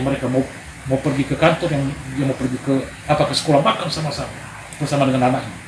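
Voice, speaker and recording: A man preaching a sermon, telling stories with energy and calling for amens. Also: a little high. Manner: animated storytelling, calls for amen. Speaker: preacher at a men's gathering. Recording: echoey room with background noise.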